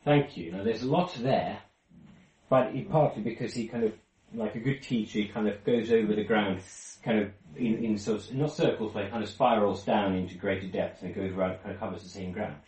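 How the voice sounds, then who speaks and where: A man's voice: lowish voice, a little fast, a little mellow. A man from Finland leading an informal Bible study, explaining with many restarts and fillers. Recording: roomy, distant from mic.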